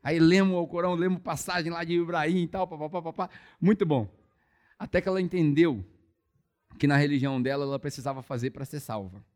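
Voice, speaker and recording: A young man, preaching a testimony as a lively storyteller who acts out dialogue. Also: on the high side, a little fast. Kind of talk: testimony sermon.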